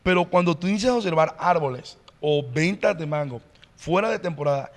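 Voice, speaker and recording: A male pastor explaining in an earnest, teacherly way as a podcast guest, often pausing on "eh". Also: fairly high pitch, expressive, big-room sound. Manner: earnest, teacherly, frequent "eh" fillers. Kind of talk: podcast interview, preaching-like explanation.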